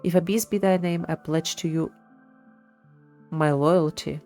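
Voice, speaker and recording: This is live gameplay commentary from a woman streamer who also reads out the game's lore. Her voice sits low and sounds mellow, with a steady tone and a slightly slow pace, and game music runs in the background.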